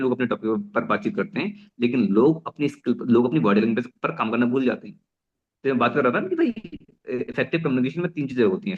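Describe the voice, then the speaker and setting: A young man delivers a rapid, energetic business training talk at a middle pitch. He restarts phrases often and slips English into his Hindi. The recording sounds a little muffled. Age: young adult. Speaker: network marketing trainer.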